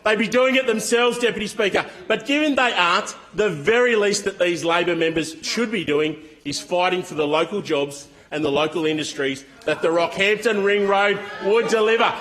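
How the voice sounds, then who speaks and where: A man's voice: sits high, normal speed, hardly any pauses, a bit bright. A man with an Australian accent delivering a combative, emphatic speech in parliament, leaning on repetition for force. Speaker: opposition member of parliament. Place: parliament chamber.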